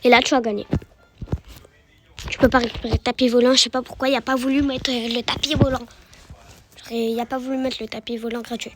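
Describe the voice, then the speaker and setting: A woman's voice: fairly high pitch, little pitch movement, brisk, long pauses, noisy background. A woman giving casual gameplay commentary, chatty and repeating words as she guides the viewer. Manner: chatty, repeats words while guiding the player. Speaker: gaming YouTuber.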